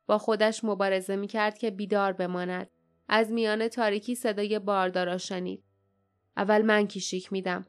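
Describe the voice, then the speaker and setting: A woman's voice: mid-range voice, clear, resonant tone. A woman narrating an audiobook adventure story, reading the narration in formal literary prose. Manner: reads dialogue in plain colloquial speech with narration in formal literary prose.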